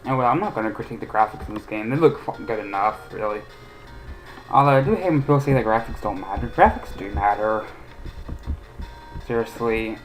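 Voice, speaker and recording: A man's voice: lowish voice, animated, a little fast, long pauses, faint music behind, rough recording. Rambling man doing game commentary. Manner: rambling, opinionated, frequent hesitations. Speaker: let's play host.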